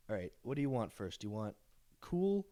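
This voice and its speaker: A young man chatting casually on a podcast, his voice sitting a bit on the low side. He gets excitable and swears freely, with a boastful edge when he talks himself up. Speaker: podcast co-host and dungeon master. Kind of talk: casual chat.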